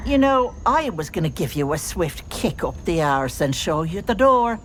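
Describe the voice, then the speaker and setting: A woman's voice: fairly low pitch, sing-song, normal speed, a little hiss or hum. A woman voicing a bossy, sly old auntie hag in a video game, folksy and cajoling, with menace under the sweetness. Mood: amused, sly.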